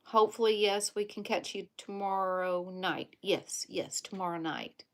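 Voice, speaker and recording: Woman host, slow-paced, chatty, reads viewer comments, home livestream, casual. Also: mid-range voice, fairly even intonation. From Louisiana.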